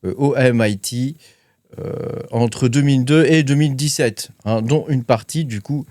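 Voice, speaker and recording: A man's voice: medium pitch, measured pace, darkish tone, no echo, studio quality. A man hosting a crypto channel, talking casually with lots of fillers and hesitations while reading his notes. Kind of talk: casual commentary to camera.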